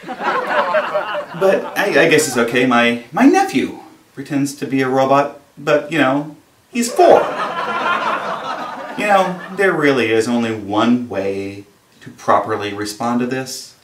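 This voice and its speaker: A man's voice: medium pitch, very animated, unhurried, noisy background. A man hosting a satirical comedy news show, delivering wry, sarcastic commentary. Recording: roomy, distant mic with music and audience laughter.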